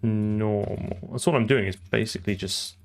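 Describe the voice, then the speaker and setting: A man's voice: on the low side, normal speed, gravelly, slight background noise. A man live-streaming his programming, talking through code and answering chat, often trailing off and repeating words.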